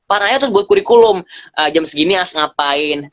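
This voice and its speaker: A man speaking as a guest on a live stream, telling lively stories in slangy casual talk and acting out bits of dialogue. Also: high voice, a little fast, no echo. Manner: animated storyteller, acts out dialogue, slangy. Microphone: phone on a live video stream.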